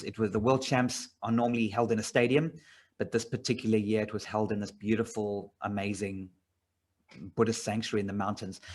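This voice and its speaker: A middle-aged man from South Africa giving a casual slide presentation about his business, rambling a bit with many fillers and restarts. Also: on the low side. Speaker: business owner presenting a job opportunity.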